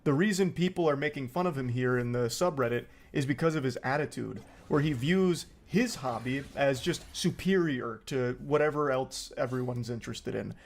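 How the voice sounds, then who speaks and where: A man's voice: mid-range voice, moderate pace, hardly any pauses. A man reading online comment threads aloud and mocking them sarcastically, swearing freely. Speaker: commentary host.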